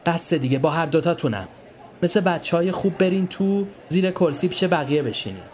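Guy doing a stern mom scolding her kids, higher voice, storybook reading. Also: animated, darkish tone, lightly acted. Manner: scolding, firm.

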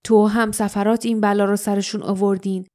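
A woman's voice: mid-range voice, flat delivery, darkish tone, natural voice. A woman voicing a sneering traitor servant. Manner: sneering, menacing. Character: treacherous shape-shifting boy servant of a dark lord.

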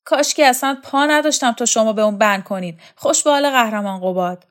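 A woman reading an audiobook, voicing a downtrodden, submissive young man who pleads quickly. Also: fairly high pitch, fairly bright tone, pitched above the performer's own voice, natural voice. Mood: pleading.

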